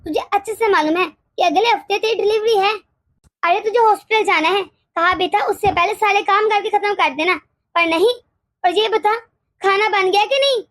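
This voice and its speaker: A woman voicing a harsh, scolding older mother-in-law in an animated story, nagging and sharp-tongued. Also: very high voice, moderate pace, dry recording, clean studio sound.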